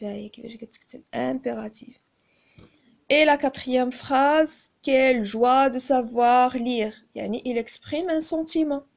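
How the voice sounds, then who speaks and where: A woman with a Moroccan accent teaching a grammar lesson, speaking slowly and deliberately and repeating key terms. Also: high voice. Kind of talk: classroom-style grammar lesson.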